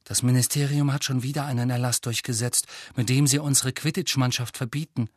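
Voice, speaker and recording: A man's voice: mid-range voice, fairly even intonation, a little fast, breathy edge, dry recording, clean studio sound, close to an everyday voice. A man voicing an earnest, easily angered teenage boy wizard in a German audiobook. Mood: glum.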